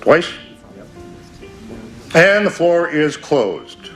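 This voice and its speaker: A man's voice: a little high, big pitch swings, very slow, fairly bright tone, exaggerated voice. Wry, showy man, wildly swinging delivery. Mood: mock-ceremonious. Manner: wry, showy, mock-ceremonious. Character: sardonic, theatrical man narrating dark events with relish. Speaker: storyteller under questioning. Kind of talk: television drama acting. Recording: music behind the voice.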